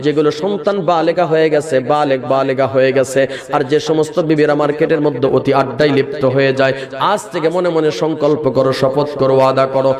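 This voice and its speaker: A man's voice: fairly high pitch, steady tone, a little fast, crowd noise. A man preaching in a chanted sermon, impassioned and sing-song, calling out to his listeners. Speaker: preacher at a religious gathering.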